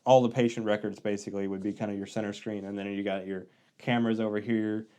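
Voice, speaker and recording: A man's voice: lowish voice, level tone, fast, a little mellow, clean tone. A man hosting a podcast, listening closely, summing up and asking follow-up questions in casual chat. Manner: attentive, sums up and asks follow-ups. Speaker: podcast host.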